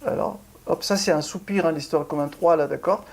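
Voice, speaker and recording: A middle-aged ballet class pianist giving a casual video lesson, talking in a halting way with many restarts while showing rhythm and breathing. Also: mid-range voice, gravelly.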